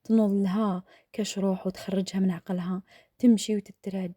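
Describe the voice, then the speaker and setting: A woman with an Algerian accent telling a dramatic story in a hushed, half-whispered voice while cooking, close to the mic. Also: mid-range voice, level tone, a little fast, no room sound. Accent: Algerian Arabic.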